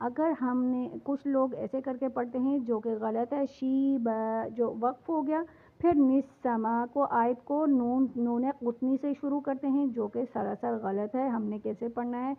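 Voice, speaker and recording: A woman's voice: a little high, fairly even intonation, vocal fry. Pakistani woman teaching Quran recitation, tinny sound. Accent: Pakistani Urdu. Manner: drawn-out chanted recitation between brisk explanations. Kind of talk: tajweed lesson with slow recited examples. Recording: tinny phone-like lo-fi audio.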